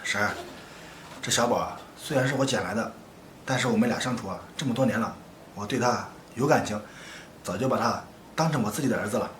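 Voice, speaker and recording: A man's voice: fairly low pitch, a little fast, lightly acted. A man playing an earnest young foundling's father, echoey. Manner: earnest, talks with many fillers. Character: kind-hearted young man raising a foundling. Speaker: single father. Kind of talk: short web drama acting. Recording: echoey room with loud background noise.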